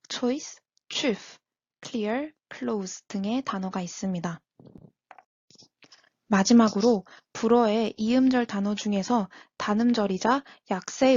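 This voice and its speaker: A young woman delivers a scripted university presentation at a measured pace. Her voice comes through a dull, lo-fi recording with no room sound at all. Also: medium pitch, darkish tone, no room sound. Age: young adult. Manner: measured, reads from a prepared script.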